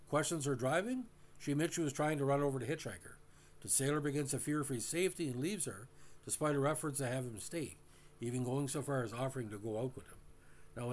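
Man, host, casual commentary, middle pitch, halting, lots of fillers. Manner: halting, many uh fillers and restarts; addresses listeners directly.

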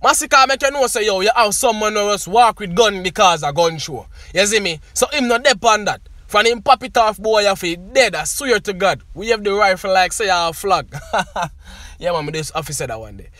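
A man's voice: high-pitched, animated, moderate pace, sharp tone, no room sound, soft background music. A man with a Jamaican accent giving a casual, emphatic review of a song. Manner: emphatic, keeps asking "you see me". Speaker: music reviewer.

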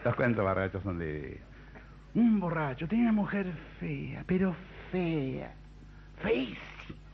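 A man, a comedian telling a chain of jokes in a chatty, animated way on a 1970s TV broadcast. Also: fairly high pitch, unhurried, gravelly, highs cut off, slight background noise. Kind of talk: stand-up joke telling. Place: TV studio.

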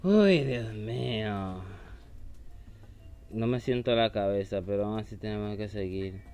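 A man's voice: lowish voice, a little slow, a little mellow, faint music behind. A man commenting on a horror game he is playing, taunting the enemy and shrieking when startled. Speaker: gaming YouTuber.

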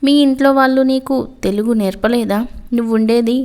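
A woman reader puts on mocking young male college seniors in a spoken story. They tease and scold in a voice that stays a little high. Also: fairly quick, darkish tone, natural voice. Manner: teasing, scolding.

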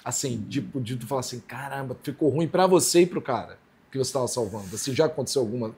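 A Brazilian man hosting a podcast, asking questions in relaxed, slangy casual chat. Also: mid-range voice, fast talker, breathy edge. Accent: Brazilian Portuguese. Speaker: podcast host.

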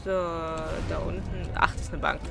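A woman's voice: fairly low pitch, little pitch movement, measured pace, music in the background. A young woman giving casual gameplay commentary, blunt and grumbling to herself. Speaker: let's player. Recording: clear background game noise. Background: game street ambience.

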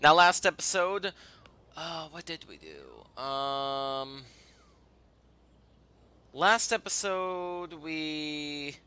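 A man giving casual, halting and rambling commentary over a video game as its host. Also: a little high, lively intonation, pushed and bright, clean tone. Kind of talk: casual let's play commentary.

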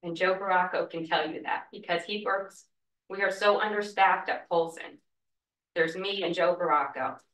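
During public comment at a school board meeting, a cafeteria worker makes an emotional, earnest appeal from a wooden podium. Her voice is on the low side and a bit bright, at normal speed. A far camera catches the podium mic, leaving her sounding distant and echoey.

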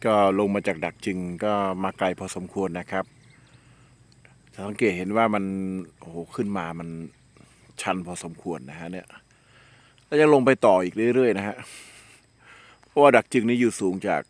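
A man's voice: on the low side, expressive, normal speed, pauses often. A man talking bluntly and at length as a travel vlogger, narrating casually outdoors on a rural mountain road. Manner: blunt, talkative, uses polite particles. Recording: loud wind noise on the mic.

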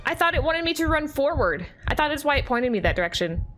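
Young woman gamer, high and very animated, easily spooked, nervous laughter. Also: fast talker, loud music behind the voice. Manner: jumpy and excitable, lots of gasps and nervous laughs. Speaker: gaming YouTuber. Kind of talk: horror game let's play commentary.

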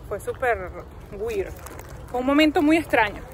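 A woman's voice: a little high, normal speed. A young woman in her twenties talking casually and expressively into a phone held at arm's length outside a shopping mall. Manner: chatty, expressive storytelling. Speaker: vlogger. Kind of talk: casual vlog chat. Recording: noisy outdoor phone recording. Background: street and traffic noise.

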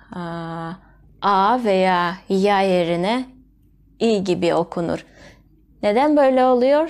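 A woman teaches pronunciation at an unhurried pace, spelling out sounds and saying every example word twice. Her voice sits at an ordinary middle pitch. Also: a little mellow. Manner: spells out sounds and repeats example words slowly. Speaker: Russian language teacher. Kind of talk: slow, deliberate language lesson.

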